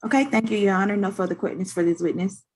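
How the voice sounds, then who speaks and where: Halting, formal female attorney in court. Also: mid-range voice, fairly even intonation, a little mellow, a little hiss or hum. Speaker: state's attorney. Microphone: video call.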